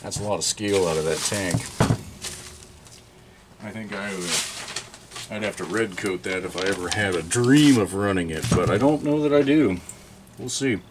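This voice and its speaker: A man's voice: low-pitched, normal speed, pauses often, background noise. Chatty man in a repair workshop. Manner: chatty, thinking aloud while working, bursts of surprise. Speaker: chainsaw repair channel host. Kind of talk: casual workshop show-and-tell.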